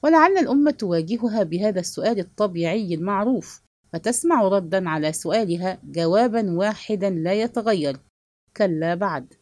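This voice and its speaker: Expressive woman reading a novel aloud. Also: mid-range voice, brisk, dry recording. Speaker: audiobook reader. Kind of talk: expressive literary narration.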